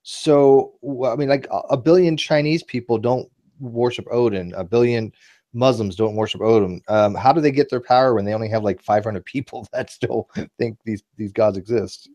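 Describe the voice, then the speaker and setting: A rambling, joking man in a casual online debate, often restarting his sentences. His pitch is ordinary and the sound is dry. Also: normal speed, warm tone, dry recording. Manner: rambling, joking, self-correcting. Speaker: debate participant.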